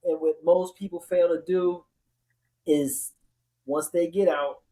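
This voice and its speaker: A man's voice: a little high, steady tone, slow, mellow, low-quality recording. A man telling his own story in casual conversation as a podcast host, repeating words for emphasis.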